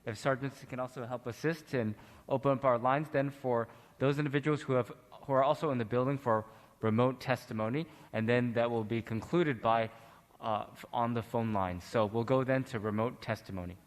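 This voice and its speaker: A man's voice: medium pitch, fairly even intonation. Man chairing a hearing, echoing chamber. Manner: measured, with occasional fillers. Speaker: committee chair. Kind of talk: formal procedural remarks. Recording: long reverb of a large chamber.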